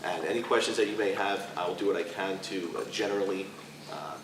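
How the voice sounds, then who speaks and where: A man from a prosecutor's office speaking on a panel, halting with many fillers. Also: low-pitched, steady tone, noisy background. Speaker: prosecutor on a treatment court panel. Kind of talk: panel presentation. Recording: echoey room from far off.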